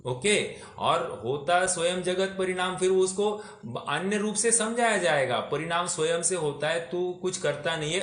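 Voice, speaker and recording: A man's voice: a little high, a bit bright, echoey room. A man teaching a scripture class, explaining patiently, putting questions to his listeners, and mixing English words into his talk. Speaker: religious teacher.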